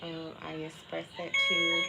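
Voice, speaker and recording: A woman with a fairly low, gravelly voice chats candidly to her livestream in casual, slangy language. She is in a hospital room, with loud beeping alarm noise behind her. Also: completely flat delivery, slow. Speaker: livestream host. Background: beeping medical pump alarm.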